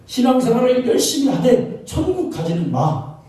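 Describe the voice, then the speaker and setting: A sly, wheedling devil, as a man puts him on in a sermon, tossing out mocking, casual orders in a warm, dark voice. It rings through a big, echoey hall, picked up from well away from the mic. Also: very high voice, wildly swooping pitch, moderate pace, far from the mic, pitched above the performer's own voice, full character voice. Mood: coaxing. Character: sly tempting devil, male, coaxing and dismissive.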